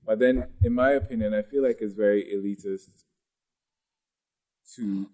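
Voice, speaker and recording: Podcast guest: man, low warm voice, thoughtful and searching for words. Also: steady tone, moderate pace. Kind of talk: casual discussion.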